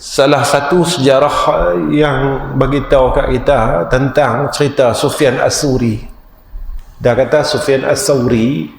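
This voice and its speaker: A man's voice: mid-range voice, fairly even intonation, unhurried. A male preacher with a Kedah Malay accent, giving a storytelling mosque lecture and often addressing the audience directly. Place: mosque hall. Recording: echoey mosque hall, faint ambience.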